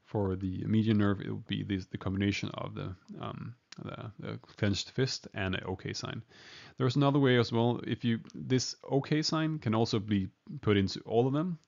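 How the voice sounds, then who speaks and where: A man's voice: on the low side, normal speed, gravelly, darkish tone. A man giving an informal medical lecture, hesitant with many fillers and restarts. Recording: dull lo-fi recording.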